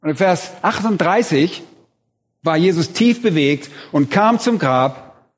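A man's voice: high-pitched, animated, takes it slowly, slightly rough. A man preaching a sermon in an emphatic way, rising on key words. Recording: reverberant hall.

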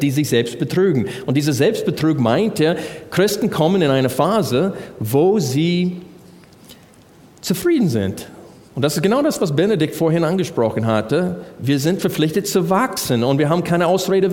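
The recording, washed in long hall reverb, captures a man with a slightly high, somewhat mellow voice preaching on Bible verses and asking his congregation rhetorical questions.

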